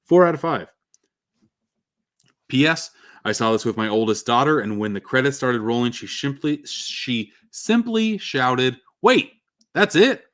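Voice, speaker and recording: A middle-aged man ranking movies in casual commentary, lifting his voice sharply to announce each number. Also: a little slow. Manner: animated, jumps up in pitch when announcing numbers. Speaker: movie reviewer.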